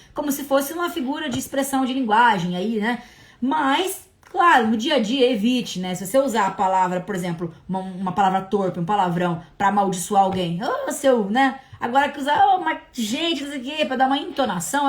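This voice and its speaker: A woman from hosting a casual livestream Bible study, talking in an animated, chatty way. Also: a little high. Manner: animated, chatty, breaks into laughs. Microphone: livestream mic.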